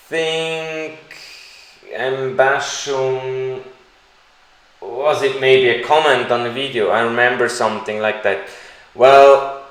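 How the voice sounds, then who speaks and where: A man who is not a native English speaker, hosting a live stream Q&A and answering viewers in a slow, deliberate, halting way. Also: mid-range voice, fairly bright tone. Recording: echoey room.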